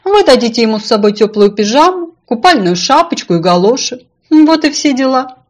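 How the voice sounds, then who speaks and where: A woman voicing a sly, self-important female fish in a storybook, calm and unflappable. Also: a little high, brisk, pitched above the performer's own voice.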